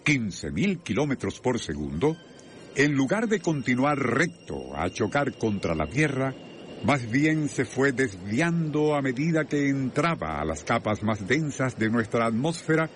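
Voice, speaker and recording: A man with a Venezuelan accent narrating a scripted radio documentary in a formal, deliberate, dramatic style. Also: mid-range voice, very animated, a little hiss or hum. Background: music.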